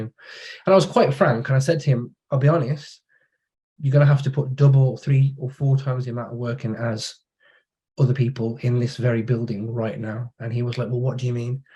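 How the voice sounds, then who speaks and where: A man with a mellow, warm voice talks in a relaxed way on a podcast. He tells long stories from his working life and briefly acts out the voices of the people in them. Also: medium pitch. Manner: relaxed storytelling, acts out quoted dialogue. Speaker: podcast guest. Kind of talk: casual conversation.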